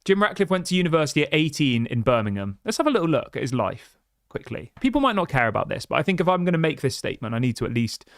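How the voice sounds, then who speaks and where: A football fan channel host rants passionately during a livestream, reading out viewer chats on a dry mic with no echo. His fairly high voice has a sing-song lilt and a quick pace, and he keeps restarting sentences and firing off rhetorical questions.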